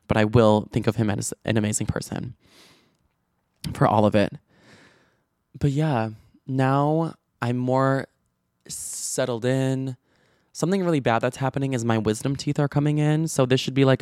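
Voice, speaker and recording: A man with a stutter and a low, gravelly voice at a middle pitch hosts a podcast, chatting and gossiping casually. His storytelling is full of likes and restarts. The recording is dry and close.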